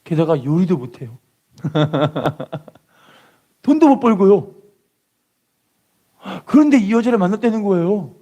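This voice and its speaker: A man preaching a lively sermon, often calling out hallelujah and putting rhetorical questions to the congregation. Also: sits high, takes it slowly, pauses often.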